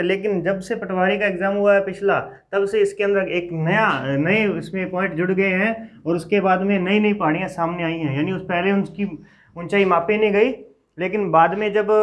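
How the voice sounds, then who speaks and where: A man teaching a geography class in a casual lecture style. He dictates lists and repeats each name slowly for his students. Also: high-pitched. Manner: talks informally to students while teaching. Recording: dull lo-fi classroom recording.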